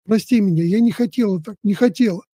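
Man doing a jealous young village wife, shrill and scolding, pitched high, mellow tone, dry sound. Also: fast, breathy edge, no echo. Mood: pleading. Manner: shrill scolding, tearful pleading.

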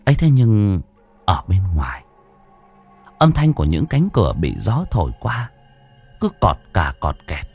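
A man telling a ghost story in a dramatic, expressive way. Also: deep voice, a little slow, long pauses, husky, dull audio, faint music behind. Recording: dry close studio voice.

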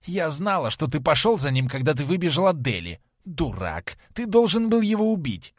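A man's voice: a little high, very animated, moderate pace, no room sound, studio quality, pitched above the performer's own voice. A man voicing a spiteful drunken woman from a tavern who hisses her words. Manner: hissing, spiteful.

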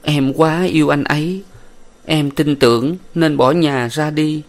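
A man's voice: on the high side, moderate pace, pitched above the performer's own voice, lightly acted. A man voicing a distraught young woman in an audiobook, pleading and tearful. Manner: pleading, sobbing. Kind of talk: audiobook character voice.

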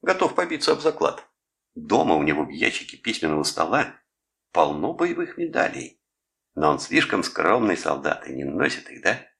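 A man's voice: deep voice, wildly swooping pitch, normal speed, gravelly, a bit bright, pitched above the performer's own voice, full character voice. A man doing a mocking teen prankster. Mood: taunting. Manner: taunting, mock-formal.

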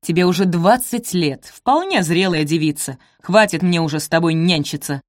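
Audiobook villain: icy, scornful middle-aged stepmother voiced by a woman, low and commanding, dry studio sound. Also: lively intonation, normal speed, no room sound, natural voice. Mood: cold, scornful. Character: cold, cruel middle-aged stepmother, hissing and contemptuous.

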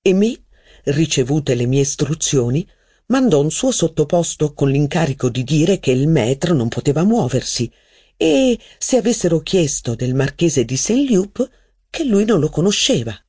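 An audiobook narrator reading a classic novel in an even, measured way. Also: mid-range voice, slightly rough, no echo, studio quality.

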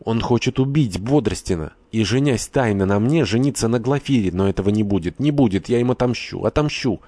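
A desperate young woman spills out her anguish in bitter, vengeful outbursts, voiced by a man reading a storybook. The voice sits very low and sounds close and dry, with no room around it. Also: brisk, warm tone, no echo, lightly acted.

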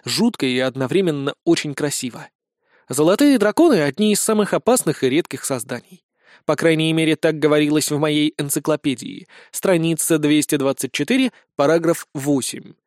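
A man's voice: fairly high pitch, brisk, no echo. Young man narrating a fantasy audiobook. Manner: lively, storytelling with dry humor.

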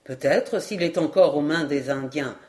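A grave, dignified Patagonian man speaks slowly and solemnly, as a woman reading the story puts him on. His voice sits low and measured in an audiobook reading. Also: a little mellow.

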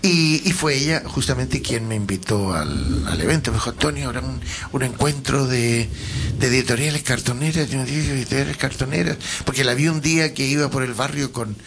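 A man hosts a casual radio chat from a studio microphone. His voice sits at a middle pitch, and he talks in a loose, halting way, often repeating himself. A faint hiss of background noise runs under his voice. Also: vocal fry. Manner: relaxed, hesitant, repeats words. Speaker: radio host.

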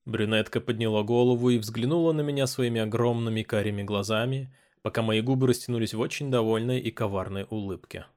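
A man narrating an audiobook in the first person. His reading is expressive, and he slips into dialogue with a playful, teasing tone. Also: mid-range voice, fast talker, few pauses.

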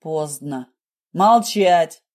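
Brief: woman doing a low-pitched, commanding male surgeon, curt and harsh, audiobook. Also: lively intonation, very slow. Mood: shouting. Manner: barking orders, harsh and curt. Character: male surgeon, commanding, panicked under pressure.

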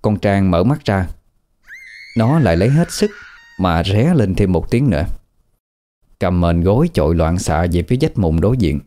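A man narrating a ghost story in a steady storytelling manner. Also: low voice, moderate pace, long pauses.

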